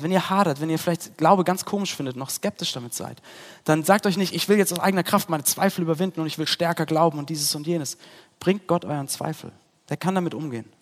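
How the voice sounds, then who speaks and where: A man preaching a sermon in an earnest way, his voice rising on quoted prayers and dropping low at the ends of thoughts. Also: in a large hall.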